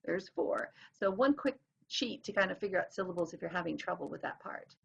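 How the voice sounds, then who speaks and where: A woman's voice: fairly low pitch, animated, a little fast, vocal fry, breathy edge. A woman teacher explaining things in a recorded lesson, sounding out rhythms as she goes. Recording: dull lo-fi recording.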